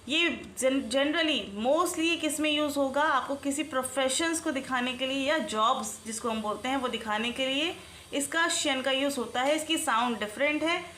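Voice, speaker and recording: A woman teaching English spelling rules, talking slowly and deliberately, spelling words out letter by letter and asking her learners questions. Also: high voice, bright, forceful tone. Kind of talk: online lesson in Hindi-English mix. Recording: echoey room, faint background noise.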